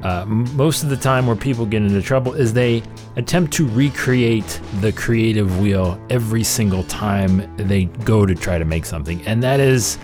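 Low-voiced man hosting a podcast over music. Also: normal speed, hardly any pauses. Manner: rambling, self-interrupting, emphatic. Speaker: podcast host. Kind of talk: casual conversational commentary.

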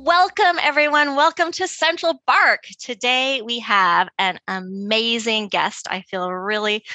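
A woman's voice: a little high, sharp tone, no echo. A woman hosting a podcast interview, enthusiastic and full of exclamations. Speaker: podcast host.

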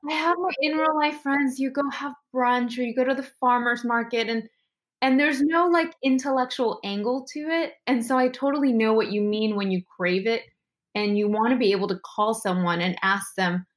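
A woman hosts a casual interview over a video call. Her voice sits fairly high, and she talks in a friendly, relatable way. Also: moderate pace. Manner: friendly, conversational, relatable asides. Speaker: podcast host.

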